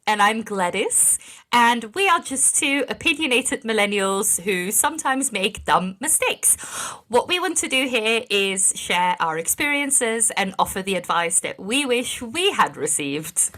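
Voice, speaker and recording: A woman's voice: on the high side, animated, unhurried, sharp tone. A woman in her thirties co-hosting a podcast, chatting earnestly and laughing often. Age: 30s. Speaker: podcast co-host. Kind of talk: casual podcast chat.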